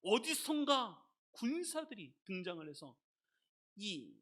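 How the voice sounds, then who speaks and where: Middle-aged male pastor, high and very lively delivery, booming proclamations, then hushed asides. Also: slow. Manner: animated preaching, swinging from loud proclamation to soft near-whispers. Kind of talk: sermon.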